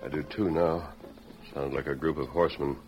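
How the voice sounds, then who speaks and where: Lone Ranger, extremely deep-voiced hero. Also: male voice, steady tone, moderate pace, soft background music. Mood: watchful, urgent. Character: commanding, upright masked cowboy hero. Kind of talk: old-time radio western acting. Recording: dull, noisy old radio recording.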